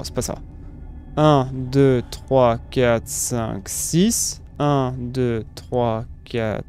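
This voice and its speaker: A man's voice: mid-range voice, a little mellow, slight background noise. A young man commentating a game casually, swearing and thinking aloud in slang. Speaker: let's play streamer. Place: small room with gaming setup, indoors. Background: game music.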